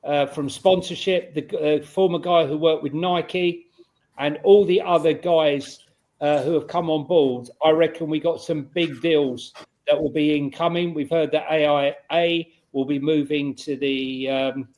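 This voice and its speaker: A man with a fairly high voice talks casually as one of the panel on a football fan show. His delivery is conversational. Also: steady tone, measured pace, darkish tone. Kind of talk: casual chat.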